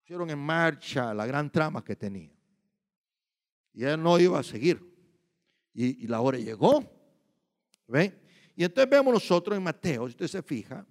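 A man's voice: on the high side, sing-song, normal speed, long pauses. A man preaching a sermon in emphatic bursts, often repeating himself and checking with listeners. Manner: emphatic, shifts between loud and quiet. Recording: long hall reverb.

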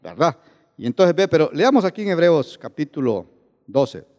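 A man's voice: on the high side, big pitch swings, moderate pace, darkish tone, long reverb tail. A male preacher delivering a sermon and questioning his listeners over and over. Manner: questioning the congregation with repeated tag questions.

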